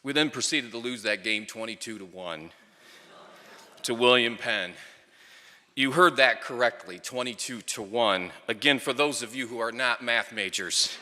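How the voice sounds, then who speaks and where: Bright-voiced man telling stories in an echoey hall. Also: medium pitch, measured pace. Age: middle-aged. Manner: wry, storytelling with dry humour. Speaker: speaker at a ceremony, former player and coach. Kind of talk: prepared storytelling tribute speech. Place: large hall or venue, speaking to an audience at a microphone. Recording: echoey hall with long reverb.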